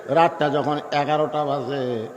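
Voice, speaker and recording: A male preacher tells a story in a dramatic sermon, swinging between loud and hushed. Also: on the high side, steady tone, a little slow, lo-fi sound. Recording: echoey live sermon sound system.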